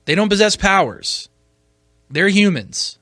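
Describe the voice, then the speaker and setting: Giving his film opinions as a podcast host, this man speaks in a rather high, cutting voice with big swings in pitch. The dry, close recording captures his forceful, argumentative style, full of stumbling repetitions and barbed rhetorical questions.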